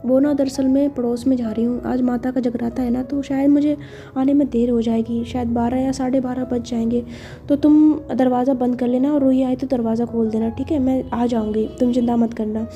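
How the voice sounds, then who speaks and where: A woman voicing a caring older aunty who speaks gently and reassuringly. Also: on the high side, little pitch movement, a little fast, highs cut off, close to an everyday voice.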